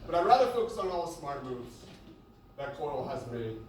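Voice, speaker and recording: Echoey, higher-voiced young man giving a toast. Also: sing-song. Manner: joking, pausing between short phrases. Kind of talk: humorous wedding speech. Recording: echoey venue, distant mic, noisy background.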